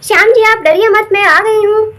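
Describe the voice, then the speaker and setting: A very high-voiced young housewife, voiced by a woman in a homemade doll drama. She fusses and talks to herself in a constant running commentary. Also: normal speed, pushed and bright. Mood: determined.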